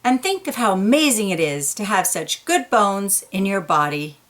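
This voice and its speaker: Here a woman with a voice in the middle range reads a kids' picture book out loud, taking her time, expressive throughout, with playful stress on certain words.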